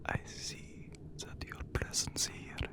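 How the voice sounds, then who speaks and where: A man voicing a haughty, courtly, immortal vampire count in a breathy, whispered ASMR roleplay, with formal, archaic phrasing. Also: slow pace, natural voice. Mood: stern, suspicious.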